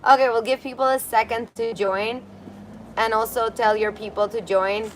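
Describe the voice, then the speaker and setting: A woman on the high side of pitch speaks at a normal speed with fairly even intonation while livestreaming from her balcony by a busy street. She's chatty and giggly, reading viewers' comments aloud. The low-quality recording picks up outdoor street noise and traffic.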